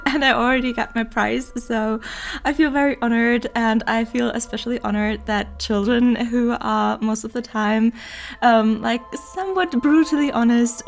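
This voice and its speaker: Congested, chatty young woman. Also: a little high. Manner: chatty, laughs often between words. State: nasal and congested from allergies. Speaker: game building content creator. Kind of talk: casual voiceover chat.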